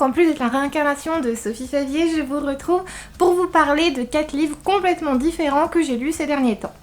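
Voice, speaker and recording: High-voiced woman with a slight lisp. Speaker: book reviewer presenting recent reads. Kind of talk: casual scripted-outline vlog talk.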